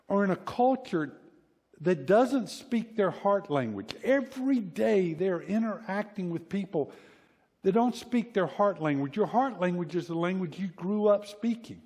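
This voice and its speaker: A middle-aged American pastor with a Southern accent preaches to a congregation in a church hall, giving a folksy, informal, conversational sermon with personal anecdotes and repeated phrases for emphasis. His voice sits high and is a little mellow. The large hall makes the recording reverberant.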